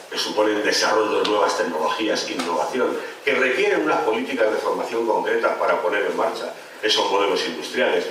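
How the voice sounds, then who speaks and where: A man's voice: fairly low pitch, fairly bright tone, slight background noise. A man giving an impassioned, sarcastic rally speech full of rhetorical questions. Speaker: political speaker at a rally. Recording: echoey hall, mic far off.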